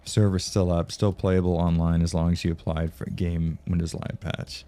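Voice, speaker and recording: Male game streamer, low mellow voice, loose profane chat with viewers. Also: little pitch movement, normal speed. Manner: profane, rambling, laughs often. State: tired from no sleep. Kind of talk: casual live-stream chat.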